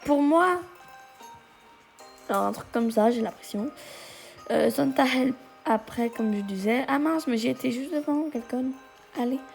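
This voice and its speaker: A woman with a fairly high voice and a gravelly fry talks through a game slowly. She chats casually, hesitates a lot and breaks into excited exclamations. Faint music plays behind her. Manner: chatty, exclaims at discoveries; halting, many hesitations. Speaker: gaming video creator. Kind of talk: casual gameplay commentary.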